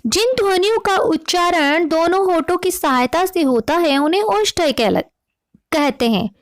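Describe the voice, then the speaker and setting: A woman teacher explaining a lesson slowly and sounding out each sound she demonstrates. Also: very high voice, expressive, no echo, clean studio sound. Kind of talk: explaining to students.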